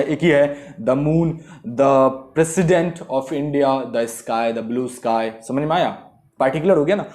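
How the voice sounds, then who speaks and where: A young man teaching English grammar to students, lively and repetitive, often checking whether they understood. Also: fairly high pitch. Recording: echoey room.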